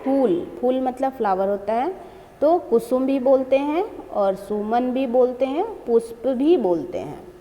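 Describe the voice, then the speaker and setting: A woman teaches a children's lesson in a slow, unhurried way, going through word after word and repeating them. Her voice sits a little high. A long reverb trails behind her. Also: lively intonation, warm tone.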